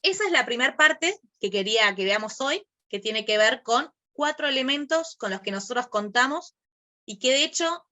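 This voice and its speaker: A woman's voice: high-pitched, lively intonation, moderate pace, bright, forceful tone. A woman leading an online workshop on podcasting, explaining step by step, asking rhetorical questions and acting out short examples.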